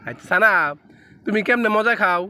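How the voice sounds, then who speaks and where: A mother filming her toddler playfully coaxes him, firing off one question after another in casual talk. Her medium-pitched voice is brisk, pushed and bright, with slight background noise.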